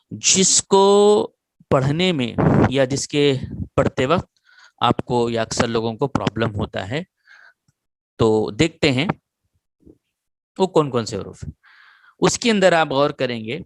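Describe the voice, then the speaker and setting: A man at a middle pitch gives a patient recorded lesson on reading letters. He drills each sound slowly and repeats it so students can take notes. The sound is close and dry. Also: no echo. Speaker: Quran reading teacher. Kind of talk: online lesson.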